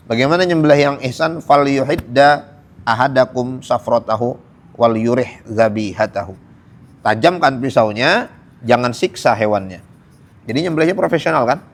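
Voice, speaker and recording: A middle-aged man teaching a mosque study circle, who recites Arabic hadith and then explains them in relaxed, joking everyday speech. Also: on the high side, slight background noise. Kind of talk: casual Islamic lecture.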